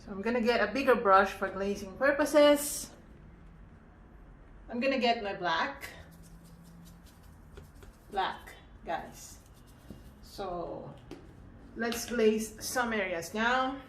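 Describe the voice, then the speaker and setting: Slow, halting woman painting in an echoey room. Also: on the high side, a little hiss or hum. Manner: relaxed, halting, thinking aloud while painting. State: breathing heavily. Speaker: painting tutor. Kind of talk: casual painting tutorial. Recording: echoey room with faint ambience.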